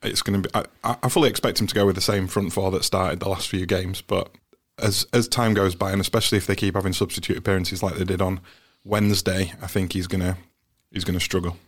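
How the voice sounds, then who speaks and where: A man gives casual football analysis on a podcast. His pitch runs a little low with very little variation, and his delivery is measured. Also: fairly even intonation. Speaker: podcast panellist.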